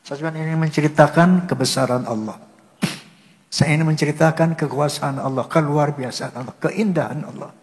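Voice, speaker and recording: A man's voice: a little high, normal speed. An older man telling a personal story to a cleric in an earnest, devout way, often breaking into religious exclamations. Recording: long hall reverb.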